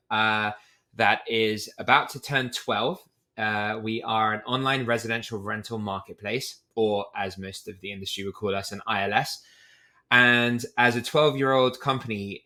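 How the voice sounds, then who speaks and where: A British startup CEO appears as a guest on a relaxed podcast, speaking with a lowish, bright, forceful voice. He explains things candidly and at length, dropping in casual fillers as he goes.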